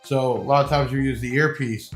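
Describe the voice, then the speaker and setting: Talking briskly in a medium-pitched voice with fairly even intonation, a man reviews a product off the cuff. His casual, informal explanations sound like a salesman's pitch, and the room is echoey with faint music behind him.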